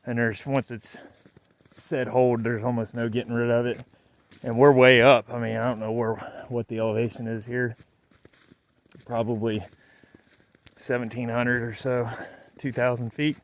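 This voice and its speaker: A man's voice: mid-range voice, little pitch movement, normal speed, long pauses. A man vlogging on a snowy mountain trail while hiking, a bit out of breath, talking in an easygoing, rambling way full of fillers. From Virginia. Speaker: vlogger hiking with his son. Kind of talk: casual hiking vlog narration.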